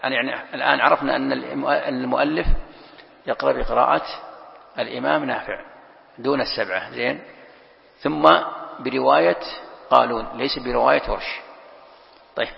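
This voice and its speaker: In a classroom lecture on Quran exegesis, a sheikh speaks fairly quickly at a medium, steady pitch with vocal fry and frequent pauses. He explains patiently, repeats key phrases, and puts questions to his students, all captured in a lo-fi recording with long hall reverb.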